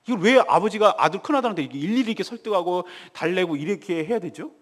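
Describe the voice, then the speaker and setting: Emphatic pastor with a high, lively voice. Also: male voice, rapid-fire, big-room sound. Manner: emphatic, asks the congregation rhetorical questions. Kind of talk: morning devotional sermon. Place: church sanctuary.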